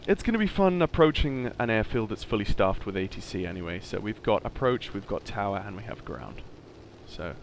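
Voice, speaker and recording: A man's voice: on the low side, animated, moderate pace. A man giving casual, easygoing running commentary as a flight sim pilot, a little hesitant. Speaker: flight simulator streamer playing the pilot. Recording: loud engine hum behind voice.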